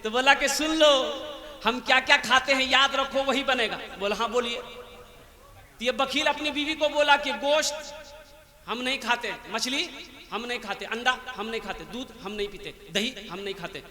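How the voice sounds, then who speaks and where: High, bright-voiced man preaching in an echoey hall. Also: normal speed. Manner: rousing, calls out for donations and prayers; tells a comic folk tale in a lively, animated way. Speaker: Islamic preacher at a religious gathering. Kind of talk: fundraising sermon with storytelling. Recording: echoey hall from a public address system.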